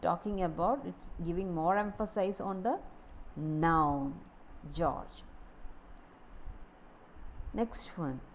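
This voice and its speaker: Slow-speaking woman teaching grammar. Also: lowish voice, slight background noise, poor audio. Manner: deliberate, repeats key words, occasional restarts. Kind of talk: slow grammar lesson explanation.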